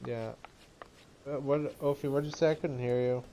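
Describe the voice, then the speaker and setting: A man's voice: mid-range voice, steady tone, moderate pace, warm tone, slight background noise. A young man streaming and chatting casually with friends over voice chat, joking and playfully indignant.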